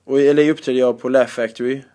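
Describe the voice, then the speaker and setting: A male stand-up comedian being interviewed, telling lively anecdotes in casual chat and often laughing. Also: medium pitch.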